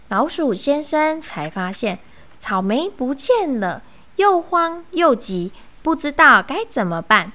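A woman reading a children's story aloud in a gentle, sing-song, teacherly way, then talking to kids about the lesson. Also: on the high side.

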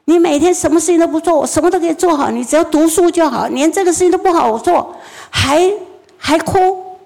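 Older woman playing a shrill furious scolding mother. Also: animated, vocal fry, husky, heavily acted. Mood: indignant. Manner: shrill, rapid-fire scolding. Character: furious nagging mother scolding her young son.

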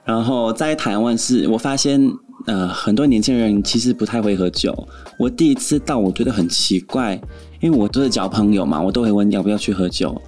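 Low-voiced North American man speaking Mandarin as a foreigner. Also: brisk, darkish tone, faint music behind. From Canada. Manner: frank, opinionated. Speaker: interview guest, actor and office worker in marketing. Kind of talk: casual interview chat.

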